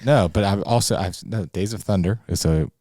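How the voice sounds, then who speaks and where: A man co-hosting a casual podcast chat, joking and laughing often, breaking into loud bursts. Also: deep voice, moderate pace, no room sound, studio quality. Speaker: podcast co-host.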